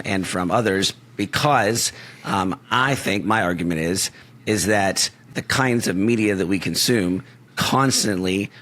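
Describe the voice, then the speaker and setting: Dude with a croaky gruff voice, really low, chatting slow on a podcast. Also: male voice, sharp tone. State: hoarse. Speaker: podcast co-host. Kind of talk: casual podcast chat.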